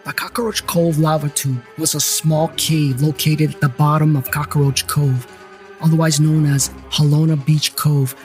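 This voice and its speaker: Wry investigator narrator, voiced by a man; dry asides, a bit high, scripted drama. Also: little pitch movement, a little slow, faint music behind, natural voice.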